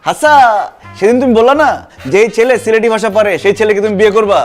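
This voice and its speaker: A man's voice: high voice, fast. A young man acting an eager, boastful suitor in a comedy sketch. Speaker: comic actor playing a suitor. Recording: faint background music.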